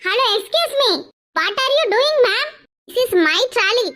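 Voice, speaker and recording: A woman's voice: extremely high pitch, lively intonation, extremely slow, sharp tone, full character voice. A woman voicing a haughty young city woman shopper in a cartoon, talking primly and mixing in English. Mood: snippy. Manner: prim, sprinkles in English. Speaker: cartoon character.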